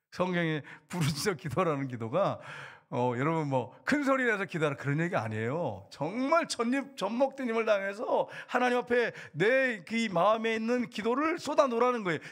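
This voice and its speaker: A middle-aged man preaches a sermon in a husky, somewhat high voice. He swings between loud outbursts and hushed, intimate asides, speaking as the pastor of his congregation.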